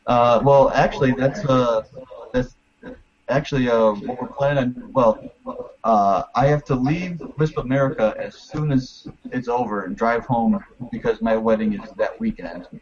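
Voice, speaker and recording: A man chatting casually in a group, hesitant, with many pauses and filler words. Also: medium pitch, muffled recording. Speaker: panel guest.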